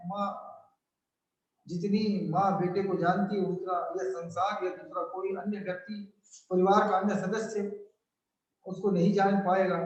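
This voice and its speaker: A man's voice: high voice, highs cut off. A male professor explaining a play in a lecture, asking rhetorical questions as he goes. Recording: echoey room, distant mic.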